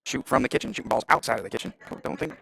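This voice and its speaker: A man's voice: medium pitch, very fast, gravelly, bright, forceful tone, slightly rough, rough recording. A man giving casual live play-by-play of a pool match, thinking aloud about shot choices. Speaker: pool commentator.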